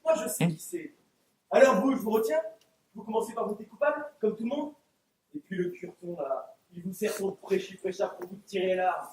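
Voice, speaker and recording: A teenage boy in an amateur stage play, acting a crude, hot-headed, bigoted male juror who rants and shouts. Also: sits high, brisk, close to an everyday voice. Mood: angry. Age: teens. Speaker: student actor. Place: theatre stage, live performance. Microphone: distant room mic. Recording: echoey theatre from far off.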